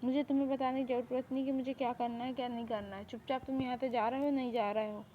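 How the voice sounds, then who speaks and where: A woman's voice: high voice, flat delivery, fast talker, natural voice. A woman voicing a mafia boss's spoiled, lovesick younger sister who talks in a demanding, boastful way, in a fan audio drama. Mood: scheming. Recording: tinny phone-like recording, faint hiss.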